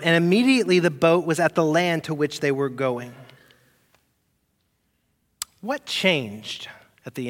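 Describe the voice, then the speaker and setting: Male pastor preaching in a reverberant hall. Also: fairly high pitch. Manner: swings between loud emphatic peaks and quiet, soft asides; asks the congregation rhetorical questions. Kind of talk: sermon.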